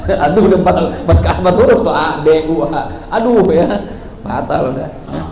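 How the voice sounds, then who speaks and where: A man's voice: a little high, lively intonation, moderate pace, darkish tone. A man teaching religious law in a prayer hall, playful and acting out examples with frequent laughs. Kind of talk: sermon. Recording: echoey hall, faint ambient noise.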